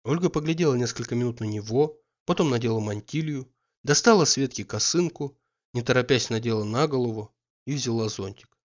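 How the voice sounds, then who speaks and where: A man narrating a literary audiobook at a measured, even pace. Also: mid-range voice, lo-fi sound.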